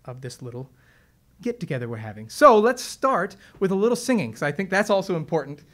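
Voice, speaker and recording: A man who sings opera and presents talks briskly to an audience in a high, fairly bright voice with wide pitch swings. Casual and enthusiastic, he explains his craft with frequent fillers and restarts from a stage or studio with a piano.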